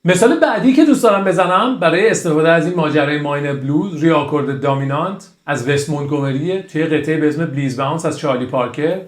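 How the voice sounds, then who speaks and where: A man's voice: a little high, few pauses. A man giving a casual music theory lesson, enthusiastic and singing short phrases to show them. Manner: enthusiastic, sings phrases to demonstrate. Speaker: music teacher. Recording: echoey room with guitar music.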